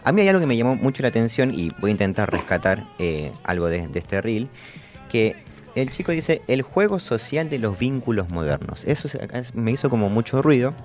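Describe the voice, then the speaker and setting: A man hosting a psychology discussion, pausing often with fillers and restarts. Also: medium pitch, sing-song, a little mellow, faint music behind. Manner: hesitant, many fillers and restarts. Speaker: podcast host.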